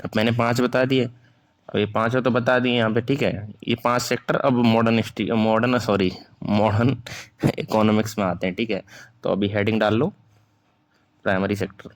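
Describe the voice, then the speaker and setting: Low-voiced young man teaching a class. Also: fairly even intonation, moderate pace. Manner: mixes Hindi and English, checks in with "theek hai" after nearly every phrase; informal and self-deprecating, corrects his own slips aloud. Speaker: online teacher. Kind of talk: classroom lecture, dictating notes.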